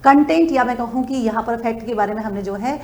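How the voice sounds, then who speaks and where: A woman with a slightly high voice gives an exam prep lecture. She explains step by step and leans on repeated fillers. She also mixes in English words. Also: fast, slight background noise. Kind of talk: classroom lecture.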